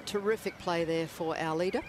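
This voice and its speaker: A man's voice: fairly high pitch, steady tone, brisk, noisy background. A man giving live golf tournament commentary as a broadcast commentator.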